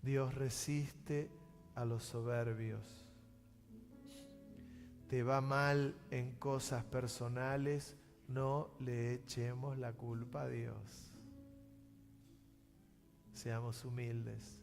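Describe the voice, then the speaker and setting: A pastor with a Rioplatense Spanish accent preaching a sermon, swinging from loud outbursts to hushed, slow pleading. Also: male voice, mid-range voice, level tone, vocal fry. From Argentina. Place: church sanctuary. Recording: church hall reverb with music.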